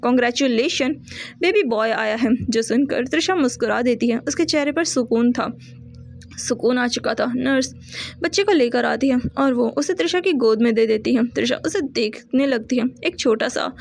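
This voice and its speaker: A woman narrating a romance audio story in a steady reading voice with small restarts. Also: a little high, moderate pace, creaky.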